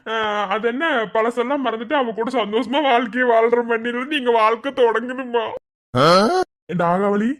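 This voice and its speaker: A man voicing a brash, cocky young husband in a cartoon, with a Madurai accent and rapid-fire mocking banter. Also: extremely high pitch, sharp tone. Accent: Madurai Tamil.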